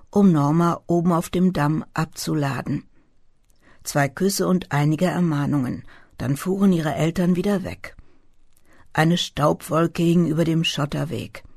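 Gravelly, husky audiobook narrator. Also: medium pitch, no room sound, clean studio sound. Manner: calm, measured storytelling. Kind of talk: scripted literary narration.

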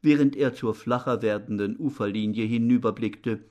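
A male narrator reading a novel aloud in a measured, even storytelling manner. His pitch sits in a typical middle range for a man. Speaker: audiobook narrator. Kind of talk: scripted narration.

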